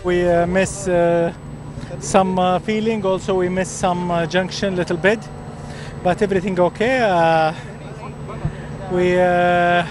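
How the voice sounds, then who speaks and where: Male rally driver, brief halting post-stage remarks, high voice, music underneath. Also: fairly even intonation. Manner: short, halting phrases with fillers.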